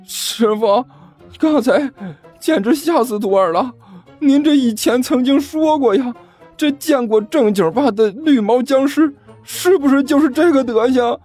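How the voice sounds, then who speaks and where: A man voicing a frightened, whiny young male apprentice who pleads in a shrill, panicky voice in an audiobook. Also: animated, normal speed, a little mellow, soft background music. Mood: whining. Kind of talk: audiobook character voice.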